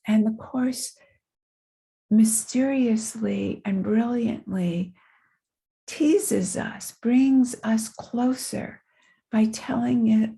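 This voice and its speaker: Very slow, soft-spoken woman with a gravelly, breathy voice. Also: medium pitch. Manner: soft, often breathy and whispered, very slow and deliberate. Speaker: spiritual teacher. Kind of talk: slow reflective spiritual talk.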